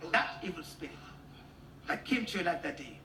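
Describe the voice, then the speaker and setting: Preacher guy barking short commands, bright lively voice, echoey church hall, mic far off. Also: fairly high pitch, moderate pace. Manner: non-standard English grammar. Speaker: pastor. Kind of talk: prophetic healing ministration. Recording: echoey hall, distant mic, faint noise.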